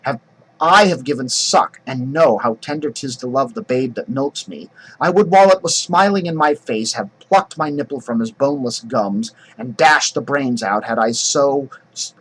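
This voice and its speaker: A man reading a scheming noblewoman's speech aloud in his own husky voice, as a classroom demonstration. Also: medium pitch, unhurried, fairly bright tone, poor audio. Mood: rushed. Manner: plain classroom reading of verse. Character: scheming noblewoman urging her husband.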